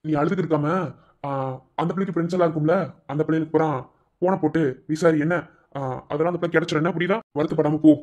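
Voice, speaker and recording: A man's voice: on the high side, level tone, rapid-fire, darkish tone, close to an everyday voice. A man voicing a worried village man in a cartoon, with a Madurai Tamil accent. He reassures the others and mutters over his suspicions. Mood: reassuring. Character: worried village man, protective older brother. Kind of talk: cartoon voice acting.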